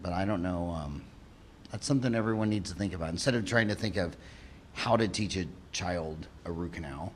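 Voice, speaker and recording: A man's voice: low-pitched, a little hiss or hum. Chatty joking American man interviewer. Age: 50s. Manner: chatty, joking, asks rapid questions. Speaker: podcast host. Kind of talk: casual interview.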